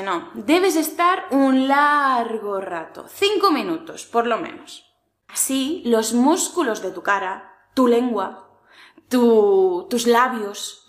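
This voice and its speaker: A woman with a Spanish accent from Spain, giving a language lesson in a clear, deliberate, coaching tone. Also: on the high side. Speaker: Spanish teacher. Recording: echoey room.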